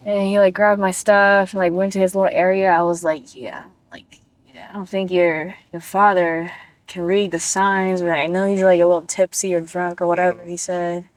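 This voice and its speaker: A woman's voice: fairly low pitch, level tone, moderate pace, no room sound. A woman as a guest on a talk show, telling a personal story in casual, blunt language and acting out what people said. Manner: blunt and profane, acts out quoted lines.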